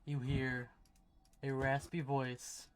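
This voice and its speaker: A man narrating a tabletop roleplaying game as game master, in a deliberate, suspenseful and theatrical way. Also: mid-range voice, level tone, a little hiss or hum. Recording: music behind the voice.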